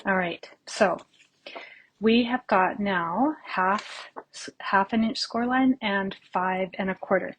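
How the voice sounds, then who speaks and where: This clip has poor audio with a little hiss or hum, carrying a woman's mid-range, fairly bright voice at a slow pace. She's from Canada and hosts a laid-back live papercraft tutorial in her home craft room, rambling chattily, saying hello to viewers by name, a bit breathless.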